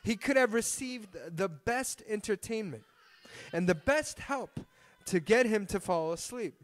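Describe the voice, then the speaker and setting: A man's voice: high voice, expressive. Earnest male pastor preaching. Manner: earnest, rhetorical repeated questions; slow measured prayer. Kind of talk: sermon with congregational scripture reading. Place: church sanctuary.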